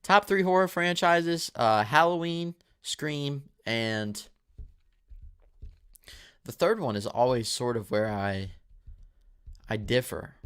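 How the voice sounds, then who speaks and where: A man's voice: mid-range voice, slow, long pauses, fairly bright tone, smooth. A man in his twenties hosting a live movie Q&A, reading viewer questions and answering in a casual, rambling way with a dry mouth. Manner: casual, rambling, with fillers and restarts. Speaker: movie channel host.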